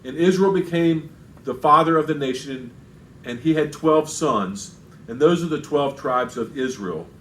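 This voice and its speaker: A man's voice: fairly high pitch, normal speed, a little hiss or hum, poor audio. A man preaching an expository sermon as pastor, reading scripture aloud and then explaining it in plain asides with frequent restarts.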